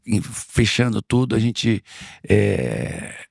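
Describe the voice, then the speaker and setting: A middle-aged man from Brazil talks in an interview with a gravelly edge to his voice. He is earnest and circles back on his key phrases to drive them home. The recording is dry and close. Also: lowish voice, sing-song, slow pace, darkish tone, no room sound. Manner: earnest, repeats phrases for emphasis. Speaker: interview guest. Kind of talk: conversational interview.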